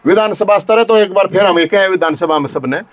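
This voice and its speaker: Haryanvi-accented male activist, high-pitched, forceful rally speech, call-and-response. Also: fast. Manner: fiery, rhetorical, shouts repeated questions at the crowd. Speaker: activist leader speaking to supporters. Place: outdoor protest tent.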